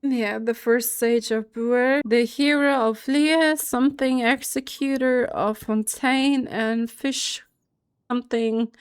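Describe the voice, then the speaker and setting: Over background game music, a woman streamer plays, reads aloud and chats casually, sounding hesitant as she thinks aloud. She speaks slowly in a slightly high voice with fairly even intonation and a clean tone.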